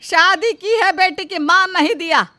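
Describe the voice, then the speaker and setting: A woman's voice: very high-pitched, measured pace, sharp tone, pitched above the performer's own voice, exaggerated voice. A woman voicing a middle-aged mother-in-law who scolds her daughter-in-law and dotes on her daughter. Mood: scolding. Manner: scolding, indulgent toward daughter.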